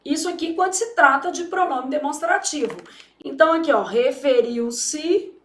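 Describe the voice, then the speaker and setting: A Brazilian woman teaching a grammar lesson in a high voice. She talks emphatically and with theatrical flair, often checking in with the class. The sound rings in a roomy echo. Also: moderate pace. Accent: Brazilian Portuguese. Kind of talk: exam-prep grammar lesson.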